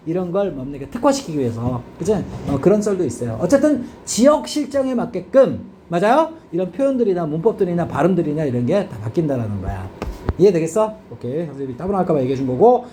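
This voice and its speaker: Man, English teacher, high-pitched, mellow, quizzing students, faint background hiss. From South Korea. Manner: constant checking questions to students. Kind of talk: classroom grammar lecture.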